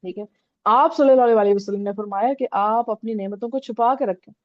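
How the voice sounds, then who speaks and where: A woman with a voice on the high side speaks briskly while teaching an Islamic religious lesson. Her style is conversational, often checking in with listeners and repeating "theek hai" a lot, on a dry recording with the highs cut off.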